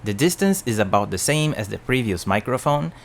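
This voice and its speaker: A man's voice: mid-range voice, expressive, a little fast, gravelly, slight background noise. A man giving a plain, explanatory product review at his home work desk, speaking into a desk mic on an arm. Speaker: tech reviewer.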